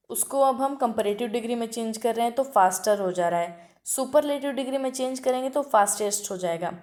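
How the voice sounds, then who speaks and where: High-pitched woman teaching a grammar lesson. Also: a little mellow. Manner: explains step by step, asks the class questions; reads example sentences slowly and emphatically.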